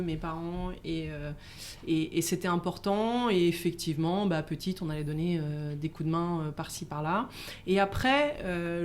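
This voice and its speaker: A middle-aged woman, born in Italy and raised in France, answering interview questions in a halting way with many fillers and restarts. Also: fairly low pitch, slight background noise. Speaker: guest. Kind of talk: casual interview.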